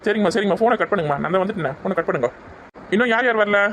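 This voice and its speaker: A woman voicing a stern middle-aged male officer, gruff and chiding. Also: mid-range voice, lively intonation, very fast, slight background noise, pitched below the performer's own voice, close to an everyday voice. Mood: scolding.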